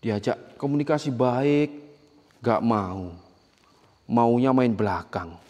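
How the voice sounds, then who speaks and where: A man's voice: medium pitch, slow pace, darkish tone, muffled recording. A man, filming a ghost-hunting vlog in an abandoned village, angrily taunting and swearing at the spirits. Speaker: paranormal explorer vlogger.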